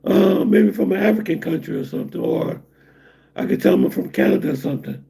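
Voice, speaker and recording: With a high, warm, breathy voice, a middle-aged American livestreamer talks quickly, his pitch swinging wildly and dipping into vocal fry. He rambles loosely to his audience and laughs at his own jokes.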